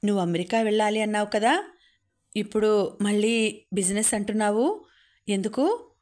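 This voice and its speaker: A woman's voice: mid-range voice, expressive, moderate pace, a little mellow, lightly acted. Woman reading as a harsh domineering father. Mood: stern.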